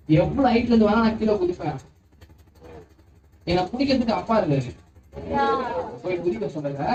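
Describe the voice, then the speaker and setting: A man's voice: high-pitched, roomy sound, far from the mic, lo-fi sound, noisy background. A man preaching a sermon as pastor, often stopping to ask the congregation whether they understand.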